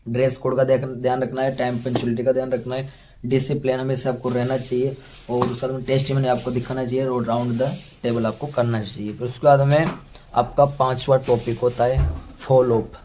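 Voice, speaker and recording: A man's voice: mid-range voice, little pitch movement, a little fast, mellow, a little hiss or hum. A man giving a motivational sales training talk, calling the listener "friend" and going through numbered steps one by one. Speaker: network marketing trainer.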